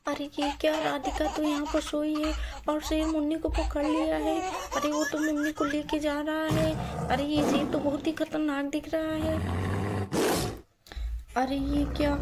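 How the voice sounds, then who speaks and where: A woman narrating a doll cartoon story in an excitable way. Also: high-pitched, normal speed, very noisy.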